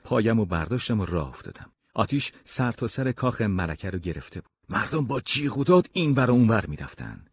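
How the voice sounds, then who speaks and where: A man narrating an audiobook story in the first person with expressive storytelling. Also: lowish voice, slightly rough.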